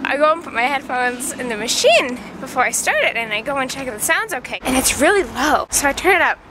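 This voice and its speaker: A video creator with a cold walks along city streets, talking animatedly into a handheld camera held close, her high voice stuffy and congested. She rambles briskly in a casual walk-and-talk vlog, telling chatty stories with acted-out quotes. Outdoor street noise and passing traffic fill the background.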